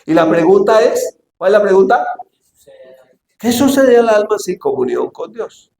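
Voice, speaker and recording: A man's voice: sits high, sing-song, a little slow, vocal fry, a little mellow. Preaching man in an echoey hall. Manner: preaching with frequent rhetorical questions to the congregation. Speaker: pastor. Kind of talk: sermon. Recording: echoey hall with faint ambience.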